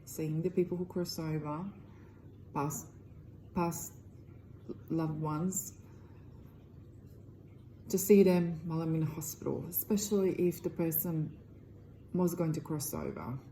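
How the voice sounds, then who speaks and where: A woman's voice: deep voice, fairly even intonation, unhurried, long pauses, dark tone, slight background noise, rough recording. A middle-aged woman from Croatia with a Croatian accent speaks earnestly to camera as an energy healer, in loosely phrased English. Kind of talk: direct-to-camera self-promotion.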